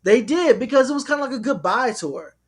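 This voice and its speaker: A man in a casual chat with friends, talking in a relaxed, reflective way and drawing out his phrases. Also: extremely high pitch, a little fast, husky.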